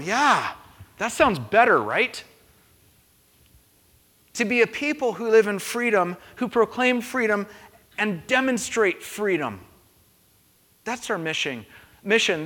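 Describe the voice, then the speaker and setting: A man's voice: high-pitched, sharp tone, long reverb tail. A man preaching a sermon as pastor, earnest and rhythmic, building on repeated phrases. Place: church.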